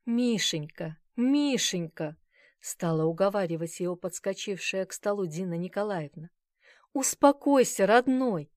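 A woman's voice: lowish voice, steady tone, a little fast, hardly any pauses, a little mellow, dry recording, clean studio sound, natural voice. Woman reading as a fussing anxious woman. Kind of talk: audiobook reading.

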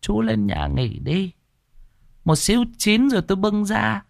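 A man's voice: high voice, very animated, measured pace, creaky, no room sound, studio quality, pitched above the performer's own voice, heavily acted. A man voicing a sly old female flesh-eating ghost who coaxes her guests to stay and eat, cackling as she speaks. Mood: coaxing. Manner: cackling, coaxing.

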